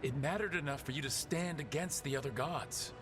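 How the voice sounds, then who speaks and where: In dramatic video game acting, a man with a slightly high, natural, brisk voice plays a determined, heroic protector, pleading his case directly and insistently. The mood is earnest and persuasive, and the background is noisy.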